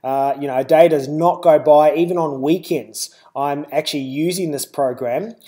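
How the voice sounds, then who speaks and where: A man with a New Zealand accent presents a live webinar. His voice sits a little high for a man. He talks in a loose way, filling gaps with "uh" and "you know". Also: normal speed, dark tone.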